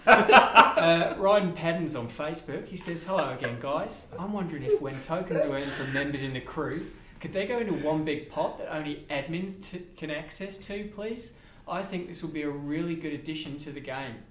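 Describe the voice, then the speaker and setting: A man's voice: fairly high pitch, moderate pace, pushed and bright. A man from Reading, England, putting on a mock Australian accent and calling everyone mate while answering live-stream questions as a game developer. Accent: mock Australian, put on. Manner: hamming up a slangy Aussie act, calling everyone mate. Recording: roomy, faint background noise.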